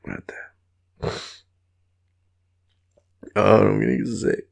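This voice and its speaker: A tired man with an Australian accent, an audio roleplay performer, plays a clingy, teasing boyfriend in an intimate roleplay, murmuring and rambling drowsily and often half-whispering. His voice is fairly low and level, with vocal fry, and extremely slow.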